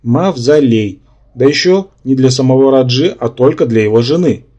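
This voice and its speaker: A man's voice: medium pitch, expressive, normal speed, dark tone, close to an everyday voice. A man doing a sarcastic half-demon hero. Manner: dry, sarcastic. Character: irritable six-armed half-demon hero, male.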